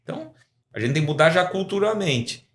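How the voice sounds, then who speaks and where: A man's voice: on the high side, lively intonation, brisk, fairly bright tone. A Brazilian man in his forties, a professor being interviewed on a podcast, explaining in a rambling way with frequent tag questions. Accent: Brazilian Portuguese. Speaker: guest scientist and professor.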